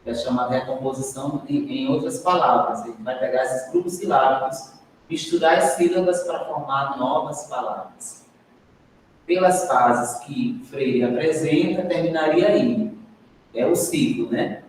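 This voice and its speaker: A man's voice: mid-range voice, unhurried. A Brazilian man teaches a group, asking questions and tagging his sentences. He sounds far from the mic in a roomy hall with a long echo and a faint hiss behind him. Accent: Brazilian Portuguese. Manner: adds "né?" often, prompts the group to answer. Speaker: teacher leading a training session. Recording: echoey classroom, recorded from a distance.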